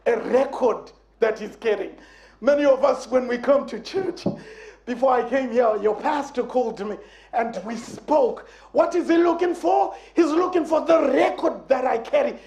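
A male guest preacher delivering a sermon in a church, playful and animated, acting out quotes with bursts of emphasis. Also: very high voice. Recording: echoey church sanctuary.

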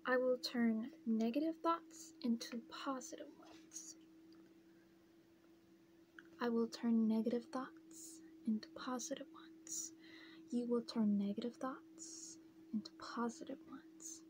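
A young adult woman giving a soft, soothing, repetitive whispered ASMR pep talk, close to the mic. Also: on the high side, slow pace. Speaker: ASMR creator. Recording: clearly noisy, humming close-up recording.

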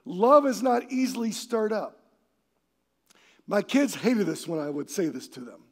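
A man pastor preaching a sermon in a church, animated and acting out quoted voices, sometimes shouting for emphasis. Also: sits high, vocal fry. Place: church sanctuary.

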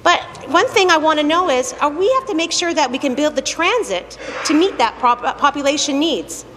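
High-voiced woman asking a question in parliament. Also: animated, normal speed, a bit bright. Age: middle-aged. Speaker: member of provincial parliament. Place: large legislative chamber. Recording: echoey legislative chamber.

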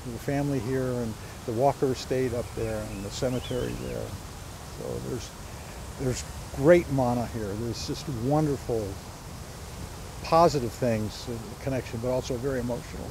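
Speaking at a normal pace in a mid-range voice, a man from Hawaii in his sixties tells family tales in a conversational interview amid noisy surroundings. The setting is outdoors on church grounds lined with palms, and he gestures animatedly as he talks.

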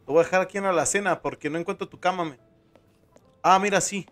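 A young man with a Mexican Spanish accent chats through his horror game stream, teasing and slangy, tagging his lines with "men". His voice sits a little high. Faint game music plays underneath. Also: fast, fairly bright tone. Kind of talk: casual gameplay commentary.

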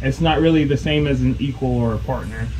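A young man vlogging from his home kitchen, chatting casually and relaxed to the camera, laughing at himself now and then. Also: mid-range voice, fairly quick, a little hiss or hum, poor audio. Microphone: camera on a counter, close. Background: background music.

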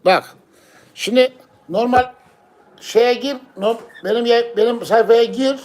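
A man's voice: very high voice, takes it slowly, a little hiss or hum. A man in casual conversation, explaining things step by step and often repeating himself. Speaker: pigeon live-stream channel owner. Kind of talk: casual chat.

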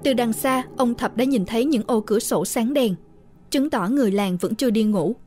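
A woman reading a horror story aloud in a steady, measured narration. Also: fairly high pitch.

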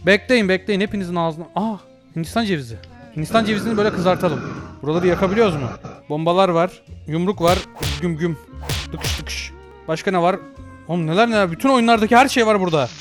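Young guy yelling at a vr game, high voice, talks super fast, faint music behind. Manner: loud, swearing, shouting at game characters. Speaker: gaming YouTuber. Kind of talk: excited let's-play commentary.

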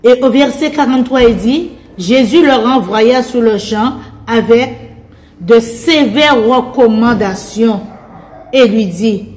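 A woman's voice: fairly high pitch, darkish tone. A woman preacher leading a fervent prayer and reading aloud from the Bible, repeating invocations to the Lord between short phrases. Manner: short spoken phrases with pauses.

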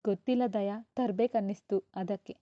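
A woman voicing a loving, emotional older brother who speaks gently and affectionately to his sister. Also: mid-range voice, steady tone, moderate pace, dry recording, lightly acted. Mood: tender. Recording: dull, slightly lo-fi dry sound.

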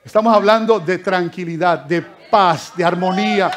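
A pastor preaching a sermon in church, swinging from loud exclamations to soft asides and keeping up direct address to his listeners as brothers. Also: high voice, normal speed, noisy background.

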